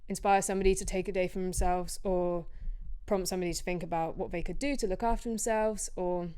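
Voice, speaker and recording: A young woman chats into her podcast microphone in a loose, rambling way, often poking fun at herself. Her voice sits a little low and sounds smooth and clear. She is tired from a short night's sleep. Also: darkish tone. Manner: chatty, rambling, self-deprecating. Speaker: podcast host. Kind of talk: casual solo podcast chat.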